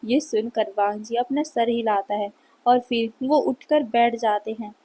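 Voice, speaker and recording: A woman narrating fan fiction in a plain, casual storytelling manner. Her voice sits fairly high and has a mellow, slightly husky tone. She tells the story steadily, as a read-aloud. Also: a little slow, low-quality recording. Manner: plain storytelling, casual mixed English words.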